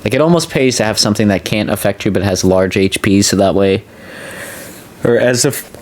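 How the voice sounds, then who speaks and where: Recorded indoors as a voice-over, a man with a lowish voice talks a little fast through casual video game commentary, a let's player taking some care since his mouth hurts from having a wisdom tooth pulled. There is slight background noise.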